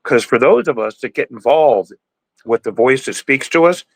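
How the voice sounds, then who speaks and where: A cannabis breeder in his sixties, appearing as a podcast guest, rambles and preaches through casual interview talk, restarting often. His medium-pitched voice is animated, creaky and slightly rough at a moderate pace. The recording is dry.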